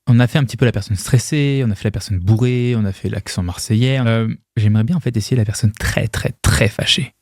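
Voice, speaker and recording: A man co-hosting a podcast who talks casually, quickly and directly. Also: on the low side, darkish tone, no echo, clean studio sound. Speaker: podcast co-host.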